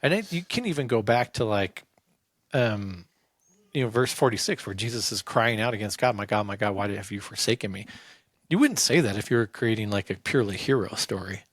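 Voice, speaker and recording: A man's voice: lowish voice, lively intonation, brisk, no echo. Emphatic man talking Bible, dry sound. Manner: emphatic, argues points with conviction. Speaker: podcast co-host. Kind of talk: casual Bible discussion.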